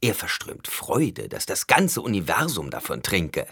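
A man voicing a calm male advisor in an audiobook, measured and lecturing. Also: low voice, breathy edge, no echo, studio quality, full character voice. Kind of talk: audiobook character voice.

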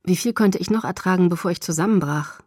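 A woman narrating a novel in the first person with a dramatic, expressive reading. Her voice sits rather low. The sound is close and dry, with no room around it. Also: quick pace, dry recording. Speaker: audiobook narrator.

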